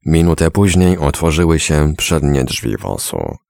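A man giving measured, dramatic scripted narration of a story. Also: rumbling low, sing-song, creaky, darkish tone, no echo. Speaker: audiobook narrator.

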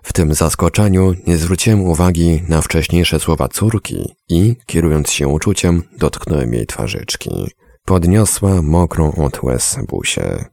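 A man narrating a story in a measured, somber audiobook reading. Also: low voice, a little mellow, no echo.

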